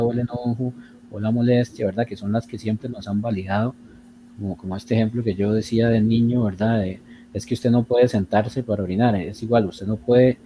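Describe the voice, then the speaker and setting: A man's voice: medium pitch, mellow, a little hiss or hum. A man speaking, hesitant and reflective, searching for words with many fillers. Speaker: guest. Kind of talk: reflective conversation.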